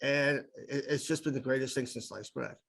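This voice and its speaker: A middle-aged improv speaker, guesting on a podcast, tells stories in a casual, conversational way, with enthusiasm and frequent repeated words as he builds his point. His voice is mid-range, a bit bright and husky, with vocal fry, at normal speed.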